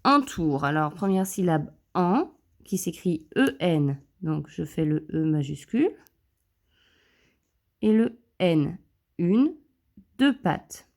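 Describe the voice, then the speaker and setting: A woman teacher giving a slow handwriting lesson to young pupils, counting each stroke aloud, filmed on her phone at a desk. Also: deep voice, lively intonation, a little mellow. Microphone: phone camera.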